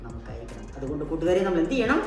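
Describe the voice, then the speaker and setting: In a low, sing-song voice and at a very fast pace, a woman who hosts a puppet show tells a children's story. Like a teacher, she prompts with questions and repeats key words. The recording is very echoey and far from the mic, with background music.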